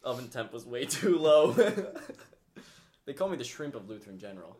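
A man's voice: mid-range voice, big pitch swings, normal speed. Joking guy on a podcast, voice bounces all over, bit of hiss behind him. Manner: playful, tells jokey stories with bursts of laughter. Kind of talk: casual podcast banter.

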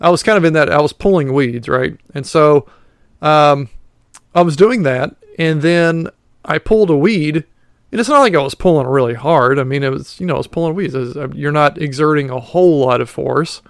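A man's voice: fairly high pitch, moderate pace, no echo, clean studio sound. A man in his late thirties hosting a casual solo podcast, rambling and self-mocking with lots of fillers. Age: 30s. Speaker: podcast host.

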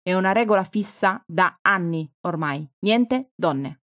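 A woman's voice: fairly low pitch, lively intonation, a little slow, fairly bright tone. A woman reading the lines of a blunt, dismissive male pastry chef in his forties in an audiobook. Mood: curt. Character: gruff man in his forties, a curt head pastry chef.

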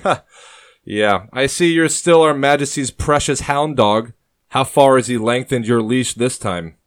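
A man's voice: lowish voice, expressive, normal speed, a bit bright. A man voicing a sly old rebel who taunts and patronizes his rival. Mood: taunting.

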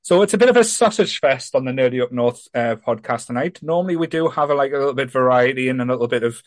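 Joking podcast host. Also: male voice, medium pitch, lively intonation, fast, no room sound. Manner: rambling, joking, self-deprecating. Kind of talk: casual chat.

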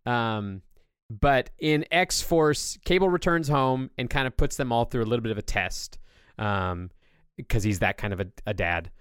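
A man's voice: medium pitch, measured pace, a bit bright, clean tone, no room sound, clean studio sound. A man hosting a podcast, explaining things at length in a casual, enthusiastic way. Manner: long-winded enthusiastic explaining. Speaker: podcast host. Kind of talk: casual chat.

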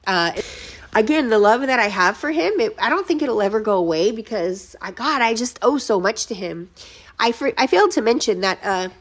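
A woman's voice: fairly high pitch, expressive. Podcast host, woman, 30s; raw confessional monologue, swears freely, restarts, near tears. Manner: emotional, profane, halting with restarts. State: close to tears. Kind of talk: personal storytelling monologue.

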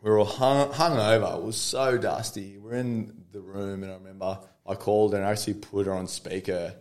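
A man in his thirties with an Australian accent, talking candidly as a podcast guest. His voice sits on the lower side, and he tells personal stories in an open, easygoing way, often breaking into a laugh. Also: steady tone, fairly quick, a little mellow. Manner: open, storytelling, laughs easily. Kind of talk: casual conversation.

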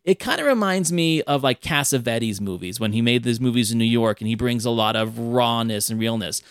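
A podcast host chats casually about an old film in an animated way, sometimes acting out quotes in a raised voice. His medium-pitched voice moves a little fast and has a clean tone. The studio sound is clean, with no echo.

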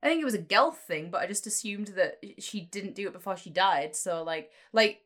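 A woman's voice: mid-range voice, lively intonation, moderate pace, fairly bright tone. A woman co-hosting a casual podcast, chatting and sharing trivia in a jokey, playful way. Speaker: podcast co-host. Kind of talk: casual chat and trivia about a TV series.

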